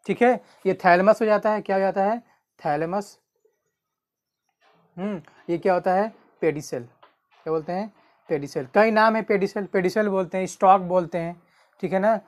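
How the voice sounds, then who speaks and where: A man with a voice that sits high tutors biology in an exam-prep lecture. He repeats key terms slowly and poses questions that he then answers himself.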